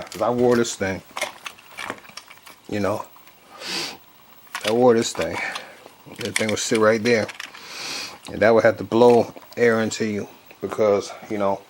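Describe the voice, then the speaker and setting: A man reviews a home product in a rambling bedroom video, his lowish voice thick and nasal as if his nose were filled with gauze. His delivery is loose, colloquial, and halting with frequent verbal tics, and background noise is plainly audible.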